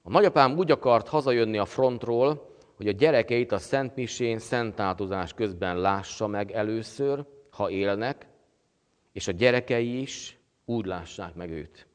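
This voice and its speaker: A man preaching a sermon as pastor, with a halting delivery full of pauses and fillers. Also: fairly low pitch, clear, resonant tone, long reverb tail. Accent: Hungarian.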